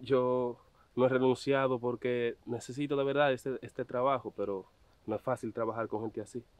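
In this web drama a young adult actor voices a dutiful servant at a farm gate who teases and chuckles mockingly. His natural, mid-range voice keeps fairly even intonation at a moderate pace, and the recording is dry.

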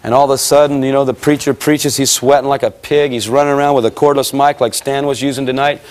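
Give me a man at a church service telling his testimony like a lively storyteller, in a mid-pitched voice. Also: fast. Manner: lively storyteller, acts out dialogue, grows excited. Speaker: guest speaker giving his testimony.

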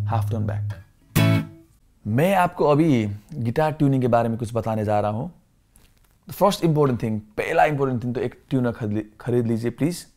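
A man's voice: medium pitch, a little mellow. A man teaching a beginner guitar lesson, switching between Hindi and English, often repeating and correcting himself. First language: not Hindi. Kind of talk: casual lesson explanation.

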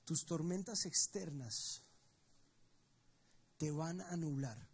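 A man's voice: fairly high pitch, slow, husky. A man preaching a sermon to his church, telling the story with emphasis and speaking straight to the congregation. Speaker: pastor. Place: church service.

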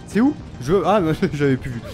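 A young man commentating a video game, excitable and slangy, taunting the enemies he fights. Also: on the high side, a little fast, soft background music. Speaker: gamer. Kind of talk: let's play commentary.

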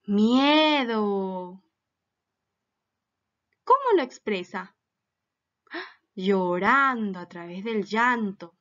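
A woman's voice: fairly high pitch, a bit bright, lo-fi sound. A woman teacher giving a recorded lesson for children, patiently asking them many questions.

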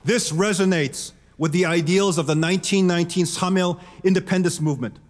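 A middle-aged man giving a formal prepared keynote speech from a podium, measured and emphatic. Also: sits high. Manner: measured, emphatic, gestures while speaking. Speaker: keynote speaker. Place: large conference hall. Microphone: podium microphone. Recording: long reverb of a large hall.

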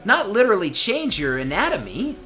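A woman's voice: mid-range voice, very animated, brisk, a bit bright. A woman playing a polite, eager young angel girl in a video game, explaining things in formal, deferential language. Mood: bright, eager. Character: polite, chirpy young girl angel serving her lord.

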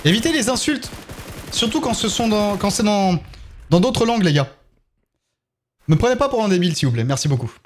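Lively French-accented male streamer. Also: high-pitched, brisk, long pauses. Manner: chatty, thanks viewers one by one while playing. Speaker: game streamer. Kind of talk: casual live-stream chat.

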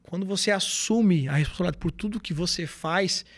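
A man's voice: sits high, fairly quick. A man, a guest speaker in a podcast interview, telling stories and acting out what people said to him. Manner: animated storytelling, acts out quoted dialogue.

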